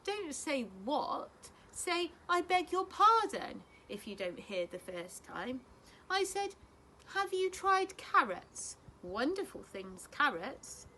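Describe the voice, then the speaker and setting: A woman putting on a prim fluttery old lady, high and sing-song, all manners. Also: very animated, slow, sharp tone, a little hiss or hum, exaggerated voice. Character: elderly lady, fussy and polite, half-blind.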